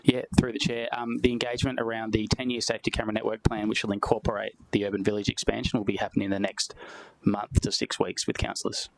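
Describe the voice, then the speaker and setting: An Australian man answering councillors' questions as a council officer, brisk and formal. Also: lowish voice, little pitch movement, vocal fry, a little hiss or hum, rough recording. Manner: brisk, formal, "through the chair".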